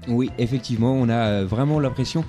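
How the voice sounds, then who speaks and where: A man's voice: mid-range voice, quick pace, dark tone, soft background music. A man hosting a radio film review, chatty and upbeat, with frequent hesitations. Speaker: radio film columnist and host.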